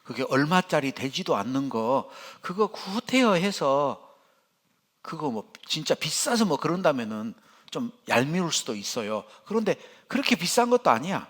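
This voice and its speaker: Animated older male pastor preaching. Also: fairly high pitch, moderate pace. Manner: animated, folksy storytelling. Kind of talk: sermon. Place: church.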